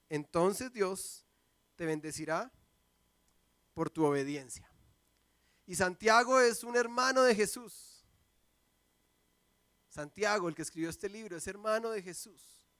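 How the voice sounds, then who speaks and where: Male pastor, fairly high voice, dry close sound, storytelling sermon. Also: no echo. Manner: lively storytelling, acts out quoted voices. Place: church sanctuary.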